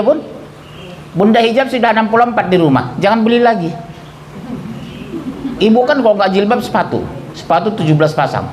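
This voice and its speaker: A man preaching a sermon to women in a gathering, joking and acting out quotes, shifting between high calls and soft pleading tones. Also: slight background noise, low-quality recording.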